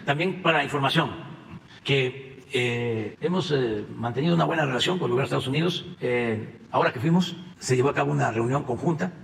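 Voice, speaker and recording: A Mexican man giving a press conference as president, speaking in a measured way with frequent pauses and fillers. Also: medium pitch, creaky. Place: large conference hall. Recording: long hall reverb, faint background noise.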